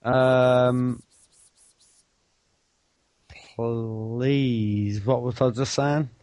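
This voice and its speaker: A man's voice: mid-range voice, steady tone, very slow, a little mellow, no room sound. A man hosting a live video chat at his computer, rambling and swearing in casual banter.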